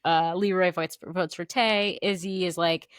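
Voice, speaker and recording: A young woman co-hosting a casual recap podcast, chatting quickly and acting out quotes in a raised voice. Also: on the low side, fairly even intonation, clean tone, dry recording, studio quality. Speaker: podcast co-host.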